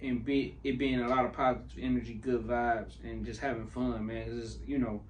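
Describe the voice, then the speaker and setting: A man hosting a radio interview, asking questions in a relaxed, easygoing way. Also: medium pitch, a little fast, far from the mic. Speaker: radio host. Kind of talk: casual interview chat. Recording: off mic with faint background noise.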